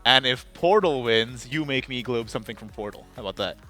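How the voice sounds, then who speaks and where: A man casting an esports card game live, excitable and quick to shout at big plays. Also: mid-range voice, soft background music. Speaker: esports caster.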